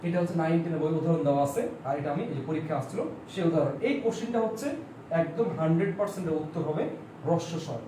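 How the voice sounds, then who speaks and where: Recorded from a distance, this man speaks very quickly at a fairly high pitch as he teaches an online exam-prep class. Repetition is central to his style: he asks questions, supplies the answers himself, and draws out example words to show how they sound. His voice lands a bit off-mic in an echoey room with faint noise behind it.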